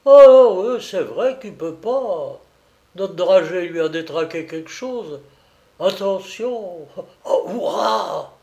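A man voicing a gruff, pious old male sailor in an audiobook, talking in loud, rough exclamations. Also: high voice, animated, takes it slowly, pitched above the performer's own voice, full character voice. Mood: fierce, excited.

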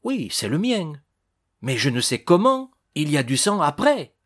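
A man's voice: a little high, very animated, a little slow, fairly bright tone, pitched above the performer's own voice, heavily acted. A man voicing a male bandit under questioning, answering evasively and defensively.

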